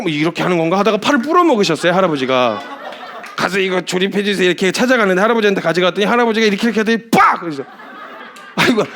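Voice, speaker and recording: Animated high-voiced male preacher. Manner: animated, storytelling. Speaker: missionary preacher. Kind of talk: sermon.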